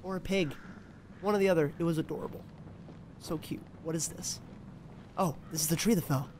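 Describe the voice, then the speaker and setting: A man's voice: fairly high pitch, brisk, darkish tone, a little hiss or hum. A man in his twenties giving casual live commentary on a horror game, jittery, repeating himself and swearing. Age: 20s. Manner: jittery, muttering to himself, repetitive, profane. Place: small indoor room, seated at desk.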